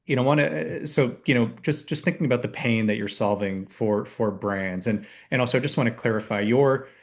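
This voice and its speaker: A man hosting a webinar panel over a video call, talking in a halting, filler-heavy way with friendly banter. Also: medium pitch. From Canada. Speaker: webinar host.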